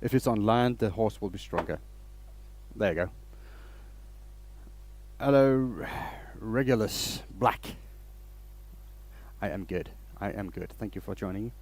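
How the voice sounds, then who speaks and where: A man's voice: fairly low pitch, slow, pauses often, a little mellow. Man chatting on a livestream. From Denmark. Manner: rambling, restarts sentences, greets chat viewers by name. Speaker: woodturning livestream host. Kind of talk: casual live-stream chat while working.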